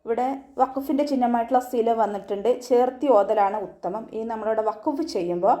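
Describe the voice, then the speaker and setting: A woman's voice: fairly high pitch, warm tone. Patient woman teaching Quran recitation. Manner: patient step-by-step instruction, ends lines with "kettō"; slow drawn-out chanted recitation of verses. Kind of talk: tajweed lesson, explaining and reciting.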